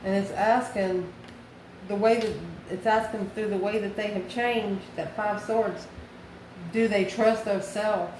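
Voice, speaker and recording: This is a tarot card reader from the United States whose mid-range voice is steady and somewhat dark, with a measured pace. She does a relaxed, spontaneous reading, pondering aloud and answering her own questions, in an echoey room with clear background noise.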